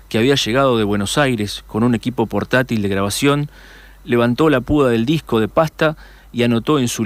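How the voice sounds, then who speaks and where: A man's voice: mid-range voice, no room sound. Argentine man narrating a radio documentary. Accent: Argentine Spanish. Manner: measured, reads with small restarts. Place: radio studio.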